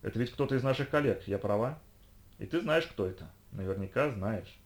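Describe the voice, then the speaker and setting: Male narrator as icy young woman interrogator, commanding, low pitched. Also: lively intonation, fairly quick. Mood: probing.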